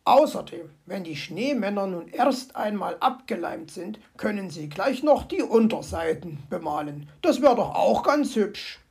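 A woman's voice: medium pitch, lively intonation, measured pace, vocal fry, hardly any pauses, a little mellow, husky, full character voice. A woman voicing a grumpy, sardonic male fox in a storybook audio play, grumbling and dryly sarcastic.

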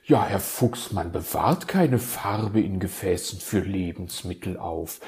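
A man voicing a relaxed, wise old owl uncle who hoots as he talks, in a storybook reading. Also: low-pitched, takes it slowly. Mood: cheerful. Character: hooting, laid-back owl uncle, wise.

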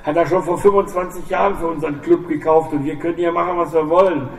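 A man voicing a frightened biker who pleads and talks fast. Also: fairly high pitch, fairly even intonation, darkish tone, voice pushed up, close to an everyday voice. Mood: pleading. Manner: pleading, jammering. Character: frightened wounded male biker. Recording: echoey room, distant mic, faint hiss.

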